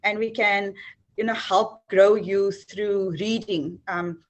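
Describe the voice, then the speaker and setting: South african lady talking through her career in an interview, earnest and hesitant, average pitch. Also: steady tone, slow pace. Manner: warm, earnest, with frequent ums and restarts. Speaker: HR executive, guest. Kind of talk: interview answers.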